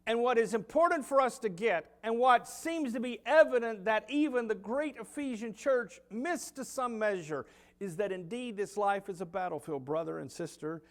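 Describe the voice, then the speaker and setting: A middle-aged man with a Southern US accent preaching a sermon as pastor, swinging from loud emphasis to quiet low asides. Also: normal speed. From United States. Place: church sanctuary.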